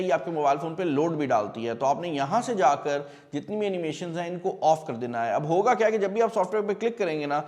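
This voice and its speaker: Male tech host, chatty and direct, slightly high voice, hall echo. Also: darkish tone. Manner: chatty, addresses viewers directly, explains with everyday examples. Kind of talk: casual explainer talk. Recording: long hall reverb.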